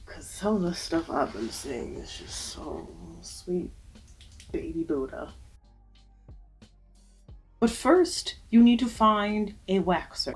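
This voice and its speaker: A woman's voice: mid-range voice, a little mellow. A young woman who works as a waxer, giving casual, emphatic advice with jokey asides in a vlog.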